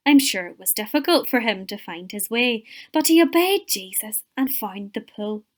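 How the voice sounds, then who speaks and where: A woman, a Sunday school teacher telling a Bible story to children with expressive, whispered moments. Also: a little high, normal speed.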